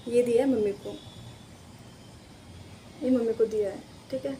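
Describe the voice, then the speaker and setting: A woman's voice: on the high side, fairly even intonation, unhurried, mellow, slight background noise. A woman chatting casually to her viewers in an unboxing vlog, rambling and speaking to them directly from a room at home. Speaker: vlogger.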